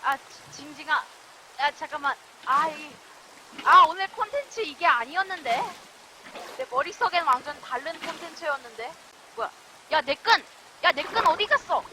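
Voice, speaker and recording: Brief: excitable woman game host, very high voice, shrieky, over clear background noise. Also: moderate pace. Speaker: gaming video host. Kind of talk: excited let's-play commentary.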